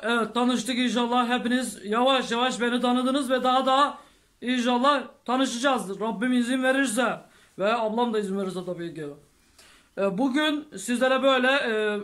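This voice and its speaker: Rambling vlogger man, very high and bright voice, swears oaths constantly. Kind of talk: casual storytelling to camera.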